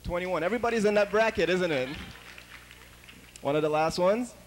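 A man's voice: sits high, fairly quick, slight background noise. A man hosting a TV show, chatty and upbeat, passing questions along and introducing guests. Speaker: TV show host.

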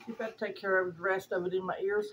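A woman's voice: medium pitch, steady tone, quick pace, highs cut off, a little hiss or hum. A woman talking while eating, chatting in a rambling, homey way and breaking off to scold her dog. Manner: rambling, homey, talks to her pets mid-sentence. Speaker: mukbang host. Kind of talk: casual chat while eating.

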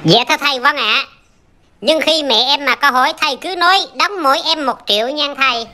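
A man's voice: extremely high pitch, fairly quick, bright, forceful tone, pitched above the performer's own voice, full character voice. A man voicing eager young pupils who answer their teacher politely. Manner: polite, chirpy replies.

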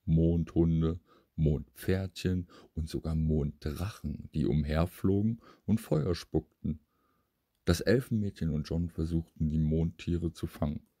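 Deep, slow male bedtime storyteller. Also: warm tone, husky, no echo, studio quality.

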